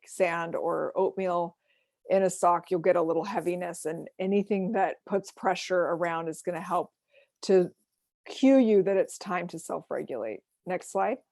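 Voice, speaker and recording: A woman leads a self-care workshop over a video call, her voice carrying a gravelly fry. She explains things gently, pausing on ums and uhs, and the sound is close and dry with no room around it. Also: fairly low pitch, dry recording. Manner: gentle, explanatory, with frequent fillers. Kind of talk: online workshop presentation.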